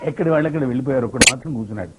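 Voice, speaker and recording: A man from Telangana, a mimicry artist, telling anecdotes in an animated way and slipping into quoted voices. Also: mid-range voice, rapid-fire, very noisy. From Telangana, India. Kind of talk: anecdotal storytelling. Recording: tinny phone-like recording.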